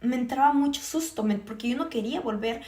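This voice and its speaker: Young woman from Puerto Rico giving a faith testimony: earnest, halting, mellow, somewhat high voice, echoey room.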